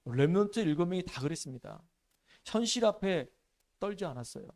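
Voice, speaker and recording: A man preaching a sermon in church, telling the story in an animated, emphatic way and dropping his voice low for solemn points. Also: a little fast. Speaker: pastor.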